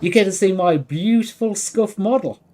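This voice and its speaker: Higher-pitched man chatting on a game stream. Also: moderate pace, darkish tone. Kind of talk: casual livestream chat while gaming.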